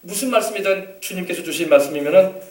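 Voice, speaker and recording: Captured from a distant mic in an echoey sanctuary, a pastor delivers a sermon, firing questions at the congregation and spurring them on call-and-response style. His voice is high, a little mellow, and quick.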